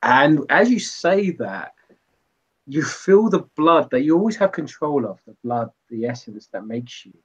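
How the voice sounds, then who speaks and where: A man narrating as game master in a tabletop game, describing scenes in an unhurried way with some hesitations. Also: medium pitch, big pitch swings, a bit bright, husky. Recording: dull lo-fi recording.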